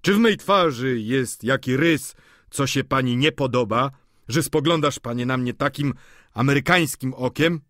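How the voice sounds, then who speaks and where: A man doing a brash, self-assured wit who jokes and needles everyone at dinner, loud and jovial in mid pitch. The sound is dry and close, an audiobook character voice. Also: moderate pace, no room sound, natural voice. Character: brash, witty male boarder, cocky and mocking.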